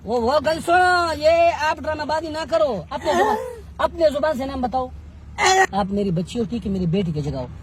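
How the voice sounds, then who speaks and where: A man's voice: very high voice, lively intonation, moderate pace, slight background noise. Pleading man on a street. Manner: pleading, wheedling, mock-tearful. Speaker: street interviewer. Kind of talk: coaxing street confrontation.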